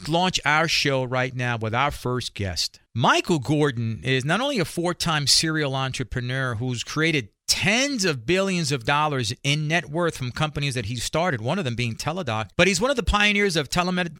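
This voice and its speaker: A man's voice: a little high, expressive, moderate pace, hardly any pauses, pushed and bright, no echo, clean studio sound. A man hosting a talk show in an upbeat, motivational manner, speaking directly to his listeners.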